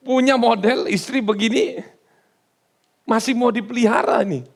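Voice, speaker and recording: A male pastor preaching a sermon with an Indonesian accent, telling a story with lively acted-out dialogue and jokes for the congregation. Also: very high voice, slow pace, creaky.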